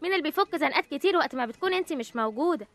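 A woman voicing a snooty, sharp-tongued credit card. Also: high-pitched, animated, very fast, dry recording. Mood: haughty. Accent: Egyptian. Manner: condescending, taunting. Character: snobbish female credit card, haughty.

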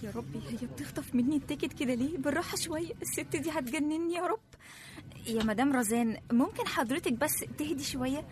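A woman's voice: high-pitched, fast talker, hardly any pauses, darkish tone, lightly acted. A woman voicing an earnest young assistant reporter with an Egyptian accent, polite but exasperated.

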